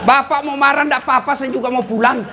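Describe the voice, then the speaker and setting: A man with a strikingly high voice delivers a spirited public sermon, joking and teasing as he goes. He keeps addressing his listeners as sir and punches points with sudden emphatic shouts. A faint hiss of noise sits under his voice. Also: steady tone, fairly quick. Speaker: Islamic preacher. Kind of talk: lively public sermon to officials.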